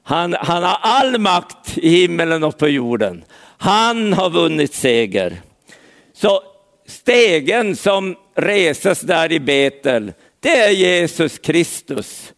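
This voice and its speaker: A man's voice: fairly high pitch, sing-song, vocal fry, a bit bright. A man preaching an earnest sermon, speaking directly to listeners by name.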